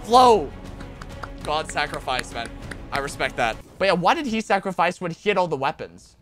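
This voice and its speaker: A young Australian man streaming a game, calling out plays with excited, laughing commentary. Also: fairly high pitch, normal speed. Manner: hyped, laughing, calls out plays. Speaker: gaming streamer. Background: game music and gunfire.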